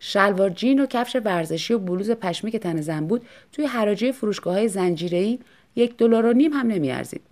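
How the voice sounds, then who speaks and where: A woman reading an audiobook story in an expressive, lively manner. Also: mid-range voice. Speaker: audiobook narrator. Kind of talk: scripted narration.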